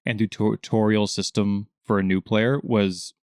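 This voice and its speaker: Man, lowish voice, animated casual podcast chat, dry close mic. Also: a little slow, no room sound. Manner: animated, acts out quoted questions in a raised voice. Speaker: podcast co-host.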